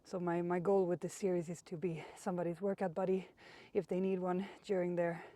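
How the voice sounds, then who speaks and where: A young woman whose first language isn't English leads an outdoor workout as instructor and host, chatting casually and encouragingly. Her voice is lowish and mellow with little pitch movement, and she speaks fairly quickly. There's no echo on the recording.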